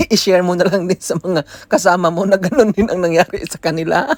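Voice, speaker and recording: Speaking fairly quickly in a high voice with fairly even intonation, a Filipino man tells a relaxed vlog story, shifting between Tagalog and English. He's chatty, often laughs through it, and the recording is dry.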